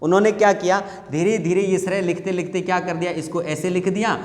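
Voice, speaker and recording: A man's voice: high-pitched, fairly even intonation, fast. A male Hindi teacher giving an exam-prep grammar lesson. He asks the students questions, answers them himself, and repeats the key points. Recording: echoey room with long reverb.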